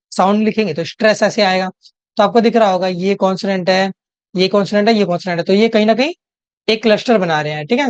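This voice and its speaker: A woman's voice: mid-range voice, a little mellow, smooth, no room sound. A young woman with an Indian English accent, explaining an English exam lesson step by step and often checking in with her listeners. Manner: explains step by step, repeats "theek hai?" to check in; reads English questions slowly. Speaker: tutor. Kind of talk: exam-prep lecture in Hinglish. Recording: dry, slightly dull home recording.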